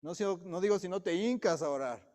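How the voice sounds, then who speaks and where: Guy preaching in church, kinda high voice but warm, big echo from the hall. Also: fairly quick. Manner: asks the congregation direct questions. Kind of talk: sermon. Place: church sanctuary. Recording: long reverb of a church hall.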